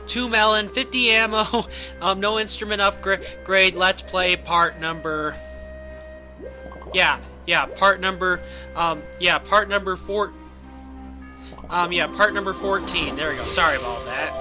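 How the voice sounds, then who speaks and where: Male let's play host, high-pitched, halting and repetitive, casual commentary over game music. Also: bright, forceful tone. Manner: halting, repeats words and phrases. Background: video game music.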